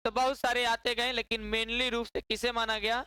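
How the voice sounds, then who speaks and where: A woman's voice: a little high, little pitch movement, normal speed, bright, forceful tone, clear, resonant tone, dry recording, rough recording. A woman teaching a class, repeating key words and quizzing her students with constant questions. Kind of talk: classroom lecture.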